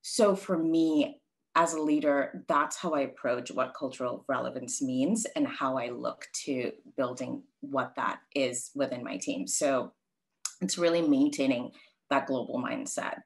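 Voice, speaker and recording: Very deep-voiced woman from Sri Lanka. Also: fairly even intonation, unhurried, rough recording. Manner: reflective, thinks aloud with many ums and restarts. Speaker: interview guest. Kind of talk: professional interview answers.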